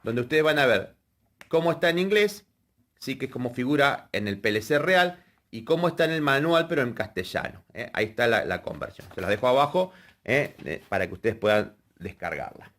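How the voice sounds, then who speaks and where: Instructor, male, patient step-by-step explainer, mid-pitched voice. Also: big pitch swings, fairly quick, a bit bright. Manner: explanatory, checks in with frequent "¿sí?" and "fíjense". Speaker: electrical workshop instructor. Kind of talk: hands-on technical lesson.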